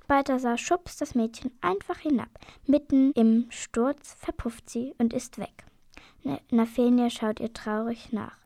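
A woman narrating a children's fairy tale in a gentle storybook manner. Her voice is a bit high with a gravelly fry, recorded dry and close. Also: measured pace, dry recording. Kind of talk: reading a children's story aloud.

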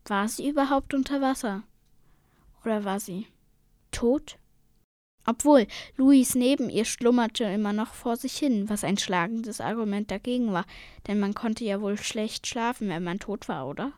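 A woman narrating a storybook in a steady, expressive reading voice. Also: mid-range voice, moderate pace, no room sound, clean studio sound.

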